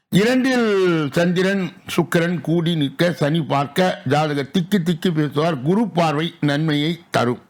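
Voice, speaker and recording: A male astrologer, reading out astrology rules in slow, deliberate, evenly spaced phrases. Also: a little high. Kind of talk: reading daily astrology segments.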